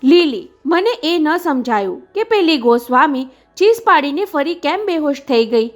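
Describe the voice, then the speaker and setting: A woman voicing a smooth, scheming middle-aged man who flirts and presses with coaxing questions. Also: sits high, big pitch swings, moderate pace, soft background music. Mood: probing.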